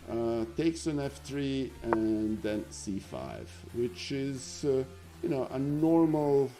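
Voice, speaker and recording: A man's voice: medium pitch, warm tone. A middle-aged man with a Serbian accent gives chatty live-stream commentary on chess games, full of fillers and asides to viewers.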